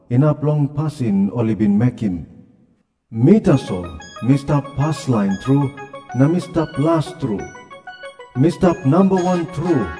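A man with a Papua New Guinean accent playing Jesus as a solemn, authoritative divine lord in a dramatized scripture reading, over music. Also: on the high side.

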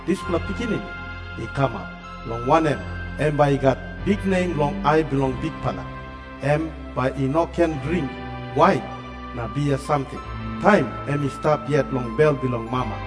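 A man's voice: mid-range voice, natural voice. Man acting a solemn angel, Papua New Guinean Pidgin accent, declamatory, long hall reverb, music behind, scripture audio drama. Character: solemn male angel delivering God's proclamation.

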